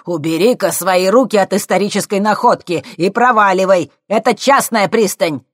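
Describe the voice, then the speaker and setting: A haughty, short-tempered professor barks at an intruder, as a male audiobook narrator puts him on. The delivery is gruff and scornful, recorded dry and close. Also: mid-range voice, a little slow, dry recording. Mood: angry. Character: haughty irritable male professor, middle-aged.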